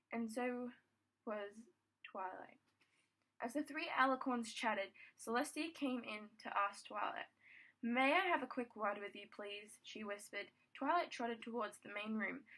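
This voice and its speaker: A woman's voice: fairly high pitch, a bit bright, low-quality recording. A young woman casually reading her own fan fiction aloud, stumbling and restarting lines as she goes. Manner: stumbling, rereads words, restarts sentences.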